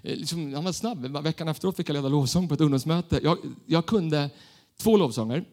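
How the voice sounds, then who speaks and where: Guy preaching, kinda high voice, funny animated stories about himself. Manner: storytelling, animated, self-mocking. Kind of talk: sermon.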